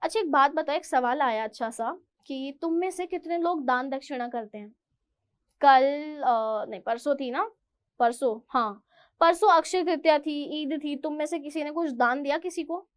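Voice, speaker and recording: A woman teacher who reads lines slowly and then explains them in Hindi. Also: high voice. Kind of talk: chapter explanation lesson.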